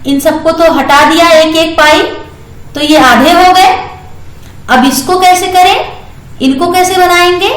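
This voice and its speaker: Woman teacher, high voice, slow and patient with small kids, echoey room. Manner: patient, slow and repetitive, sounding out syllables. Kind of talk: classroom lesson for young children.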